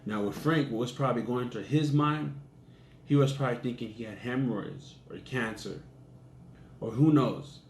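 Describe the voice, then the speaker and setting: A man's voice: medium pitch, normal speed. A young man casually telling a crude personal anecdote in a laid-back, profane way. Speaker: storyteller. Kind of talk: casual storytelling. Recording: echoey room with faint ambient noise.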